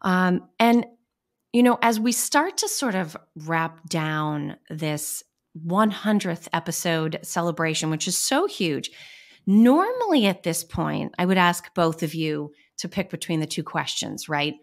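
A woman with a Boston accent hosting a podcast, chatting in quick, lively bursts with her guests. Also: fairly low pitch. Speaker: podcast host. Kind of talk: casual interview chat.

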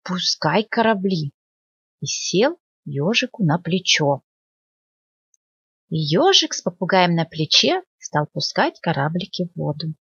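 Husky woman reading a fairy tale. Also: a little slow, no echo. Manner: expressive storytelling, lively pitch. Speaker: librarian reading aloud. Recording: dull lo-fi dry recording.

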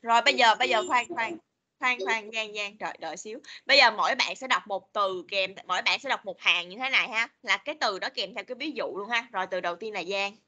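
A woman English teacher leading an online class for children, patiently repeating words slowly for them to copy. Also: mid-range voice, bright, forceful tone. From Vietnam. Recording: video call meeting recording.

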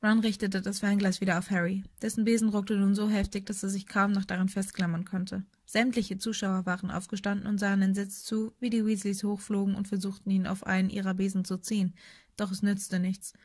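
A woman narrating an audiobook with steady storytelling. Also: medium pitch, fairly quick, no echo. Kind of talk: scripted narration.

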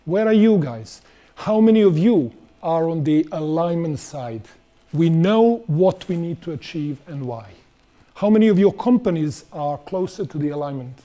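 A man's voice: on the high side, expressive, moderate pace, mellow. A middle-aged man giving a conversational conference talk on stage in a large auditorium, putting questions to the audience. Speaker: conference speaker.

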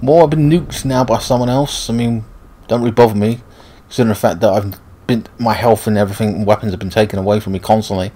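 A man's voice: lowish voice, steady tone, fast talker, mellow. A man giving casual, rambling, sweary commentary as he plays a video game. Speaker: gaming video host.

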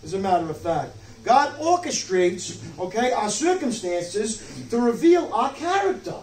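With an extremely high, sing-song voice of darkish tone, this man in his sixties delivers a sermon at a measured pace. Preaching forcefully from the pulpit, he poses rhetorical questions and asks "okay?" or "you see?" often; the distant mic picks up room echo and some noise.

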